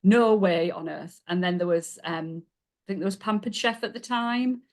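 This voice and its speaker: This woman has a fairly low voice and moderate pace, with a Yorkshire accent and an age in her forties. As a business coach guesting on a podcast, she recounts her story in a casual, chatty interview, warm and self-deprecating, laughing as she talks.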